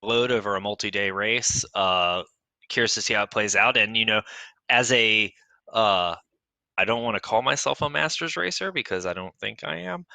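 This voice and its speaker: A man's voice: lowish voice, normal speed, gravelly, pushed and bright, no echo. A middle-aged man giving hesitant, filler-heavy analysis on a virtual cycling race broadcast. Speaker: guest analyst. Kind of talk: esports cycling commentary.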